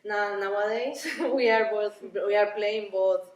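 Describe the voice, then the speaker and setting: A Costa Rican woman with a mid-range voice, a Spanish-speaking violinist and ethnomusicology researcher, answers questions in a conference interview. She speaks haltingly, restarting often and laughing softly. The recording is roomy and distant, with a busy conference crowd murmuring around her.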